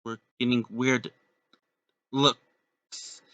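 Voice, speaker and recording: A wary, sensible young girl, as a man reading a story puts her on, earnest and a little raised in pitch. The pace is slow and the tone bright. The recording is dull and lo-fi. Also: little pitch movement, dry recording.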